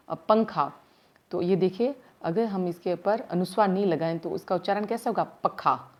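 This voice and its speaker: A woman teaching primary school grammar in a slow, step-by-step way, asking her class questions as she goes, with words her speech. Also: fairly low pitch, a little mellow. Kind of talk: recorded grammar lesson.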